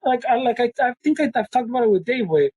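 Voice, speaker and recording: A man with a high, husky voice trades brash banter thick with slang and swearing. He switches easily between English and Spanish. His voice sounds dry and close to the mic. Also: animated, fast, a little mellow, no echo, rough recording. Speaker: podcast co-host.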